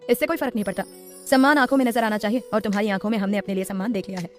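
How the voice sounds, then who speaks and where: A woman voicing an intense, protective adult man in an audiobook, calm, tender and firm. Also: medium pitch, rapid-fire, faint music behind, natural voice. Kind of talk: audiobook character voice.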